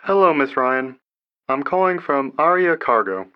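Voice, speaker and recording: A man's voice: mid-range voice, expressive, unhurried, smooth. A man leaving a polite, formal voicemail over a landline phone, reading out a number digit by digit. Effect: heard over a landline phone. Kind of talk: scripted textbook listening dialogue. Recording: dull lo-fi phone line.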